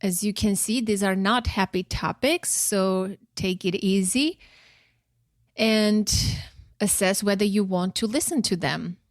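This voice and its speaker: This studio-quality, dry recording features a woman in her forties with an Armenian accent and a medium-pitched voice that moves a little slowly. She hosts a podcast, introducing it and conducting an interview in an earnest, emphatic manner.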